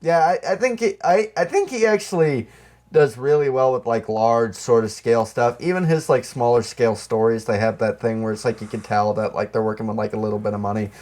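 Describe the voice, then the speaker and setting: A man co-hosting a podcast talks casually about movies, joking around and riffing with mock quotes. His voice sits at medium pitch with a darkish tone, and he speaks fairly quickly.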